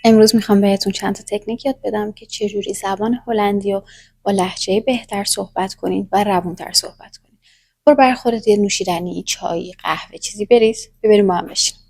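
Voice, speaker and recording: A woman's voice: medium pitch, steady tone, vocal fry, a little mellow. A woman teaching a language in a casual, chatty lesson, talking straight to the viewer. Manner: chatty, addresses viewer directly.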